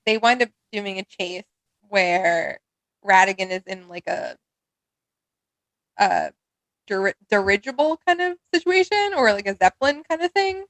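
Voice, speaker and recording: A woman's voice: medium pitch, animated, unhurried, long pauses, no room sound, poor audio. A woman co-hosting a casual film podcast, chatty and laughing often. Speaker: podcast co-host.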